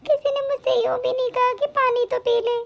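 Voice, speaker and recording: A woman plays a pregnant young daughter-in-law in an animated story, neglected by her family. She speaks in a plaintive, pleading way, and her voice is very high and thin. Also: a little fast, muffled recording.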